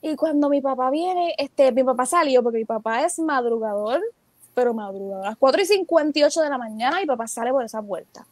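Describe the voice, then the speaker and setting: A woman's voice: sits high, brisk, a little mellow, no room sound. A young adult woman, a teacher and entrepreneur, telling stories as a guest in a casual interview and acting out her own quoted thoughts.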